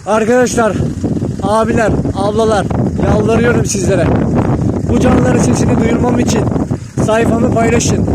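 A man on a rural dirt road, emotionally pleading and calling to stray dogs, filmed on a handheld phone. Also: high voice. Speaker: vlogger. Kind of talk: outdoor vlog feeding stray dogs. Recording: loud outdoor noise behind.

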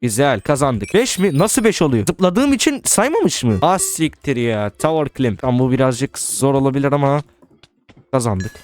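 A young man giving casual gameplay commentary, excitable, repeating words in quick bursts and swearing now and then. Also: mid-range voice. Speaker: gaming YouTuber.

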